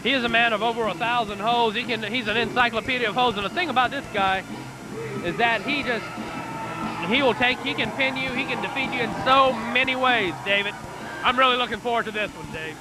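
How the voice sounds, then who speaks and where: A man's voice: very high-pitched, brisk, music in the background, poor audio. A man giving conversational, explanatory color commentary at a live wrestling event.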